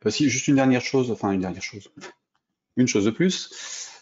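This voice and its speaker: A man's voice: medium pitch, moderate pace, darkish tone, dull audio. A French man giving a screen-recorded coding lesson, thinking aloud with many fillers and restarts as he clicks through steps. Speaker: programming instructor.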